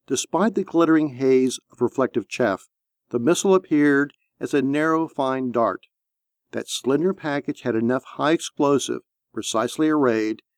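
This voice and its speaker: A man reading a military novel aloud as narrator, with a steady, measured delivery. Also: medium pitch, no room sound, studio quality. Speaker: audiobook narrator. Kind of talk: scripted narration.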